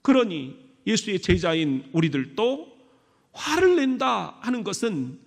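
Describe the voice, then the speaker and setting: A man preaching a sermon as pastor, emphatic, with sudden high bursts on key words. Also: big pitch swings, unhurried, vocal fry. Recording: long hall reverb.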